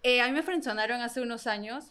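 A woman's voice: fairly high pitch, fast, fairly bright tone, clean tone. A young woman co-hosting a casual chat, sharing her own anecdote in a chatty way. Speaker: podcast co-host.

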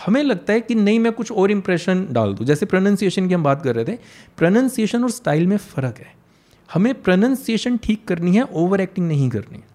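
A man's voice: high-pitched, big pitch swings, a little fast, darkish tone. A man, an English teacher with a slight Punjabi accent, chatting casually and telling stories while mixing Hindi and English. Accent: Punjabi-tinged English. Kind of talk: casual conversation.

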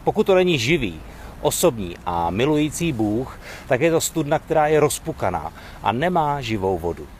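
Guy preaching a calm sermon, reads the bible out, voice goes up and down a lot. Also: medium pitch, a little hiss or hum. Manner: earnest, measured reading with lively rises and falls. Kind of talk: devotional sermon with scripture reading.

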